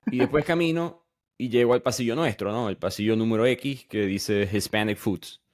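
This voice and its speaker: This medium-pitched podcast host, a young man from Venezuela, speaks at a normal speed. The talk is a casual interview, and he keeps it conversational, frequently starting sentences over.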